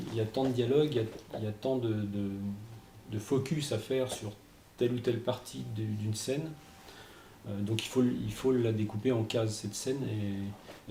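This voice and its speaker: A man, a comic book artist, answering interview questions in a hesitant way, repeating words and pausing with fillers. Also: lowish voice, warm tone. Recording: roomy echo, faint noise.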